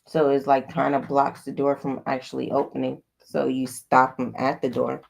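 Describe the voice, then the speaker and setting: A woman's voice: a bass voice, flat delivery, moderate pace, gravelly, a little mellow. A woman co-hosting a livestream, chatting bluntly and teasing her partner. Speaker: livestream co-host. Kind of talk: casual live chat.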